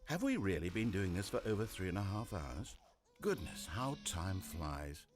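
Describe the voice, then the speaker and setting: An actor playing an effusive, needling video game narrator with a grandiose, mock-earnest delivery, speaking scripted narration over the player's actions. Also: male voice, low-pitched, big pitch swings, normal speed, over music. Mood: coaxing.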